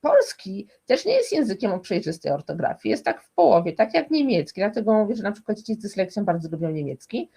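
A woman's voice: mid-range voice, very animated, fast, gravelly, few pauses, dark tone, breathy edge. A woman speaking as a guest expert in a conversational interview, explaining emphatically and restarting often.

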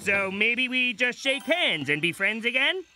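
A man's voice: very high voice, big pitch swings, a little slow, over music, exaggerated voice. A man voicing a friendly, dim-witted jungle man in a cartoon, talking in childlike broken caveman grammar. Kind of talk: animated cartoon voice acting.

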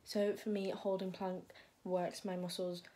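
A woman's voice: medium pitch, little pitch movement, measured pace, dark tone. A young woman vlogging casually from her bedroom, rambling with lots of "like" and "um". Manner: chatty, rambling, many fillers like "like" and "um". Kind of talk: casual vlog chat. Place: bedroom at home. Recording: echoey room, faint noise.

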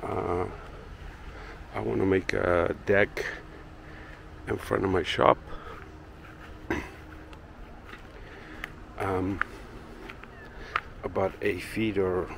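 This man, who runs a woodworking channel, has a very low voice with vocal fry and speaks unhurriedly. In a casual walking-tour vlog shot on his handheld camera, he meanders through his backyard garden outdoors, then his indoor workshop, relaxed and full of fillers, with slight noise behind him.

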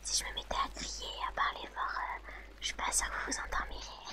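A woman whispering softly to her audience in ASMR style, reading out chat names and answering them gently. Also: a little fast. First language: French.

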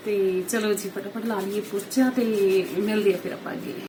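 A woman's voice: mid-range voice, fairly even intonation, moderate pace. Chatty Punjabi woman, noisy home recording. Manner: chatty, repeats herself with tag questions. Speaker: homemaker vlogger and mother. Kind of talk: casual home vlog chat.

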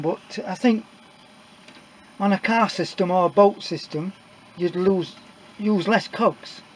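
High-voiced man demonstrating a workshop build. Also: slight background noise, rough recording. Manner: rambling, plain-spoken, frequent uhs and restarts. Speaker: DIY maker showing a build. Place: workshop indoors. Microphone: camera mic, filming own hands off-camera.

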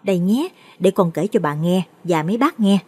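A woman voicing a chatty young female tea-stall seller, eager and gossipy, with a breathy voice. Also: on the low side, expressive, normal speed. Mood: hushed. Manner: eager, gossipy, hushed when confiding.

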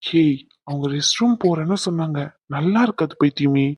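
A gruff young husband in a cartoon who teases his wife and then comforts a crying friend, as a woman voices him. The voice sits a little low. The sound is close and dry. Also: a little fast, darkish tone, dry recording, muffled recording. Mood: brusque. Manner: brusque, comforting. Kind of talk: cartoon voice acting.

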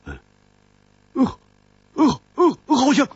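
Brief: man doing a carefree drinking swordsman, husky and halting, dull lo-fi audiobook sound. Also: extremely high pitch, wildly swooping pitch, a little mellow, dry recording, pitched above the performer's own voice, exaggerated voice. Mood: hesitant. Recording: dull lo-fi recording.

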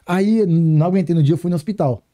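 A man with a Brazilian Portuguese accent holds the floor as a podcast guest, rattling through a story at high speed. His voice sits a touch high yet sounds very dark and mellow. He is animated and full of slang, and he acts out each exchange with the other people in the story. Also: fast talker. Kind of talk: casual storytelling chat.

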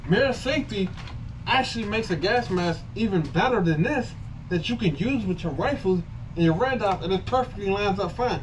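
A man's voice: high-pitched, expressive, moderate pace. Man talking through a gas mask. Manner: laid-back, rambling, repeats himself. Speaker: vlogger reviewing gear. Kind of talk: casual product demo. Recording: distant mic with clear background noise.

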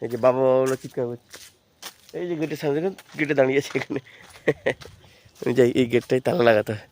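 A man filming a home vlog, narrating to viewers and coaxing his little son in gentle baby talk. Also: mid-range voice, fast. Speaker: vlogger and father. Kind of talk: casual family vlog narration. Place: home at night, indoors and at the gate.

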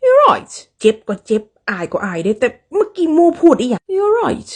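Casual English teacher, a woman with an Isan Thai accent and a breathy, husky tone, chatty and hands-on. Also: on the high side, sing-song, mellow. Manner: chatty, acts out dialogues, repeats English words slowly.

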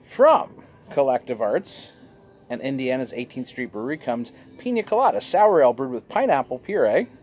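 At normal speed and in a mid-range voice, a good-humored, talkative man reviews a beer for his vlog. He gestures animatedly from a sunny outdoor patio while a fixed camera across the table films him.

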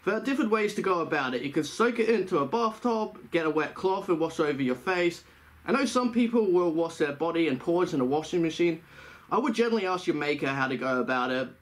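A man's voice: a little high, animated, quick pace. A man giving casual tips to the camera, talking through a costume head in a chatty, rambling way that often corrects itself. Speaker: fursuit vlogger.

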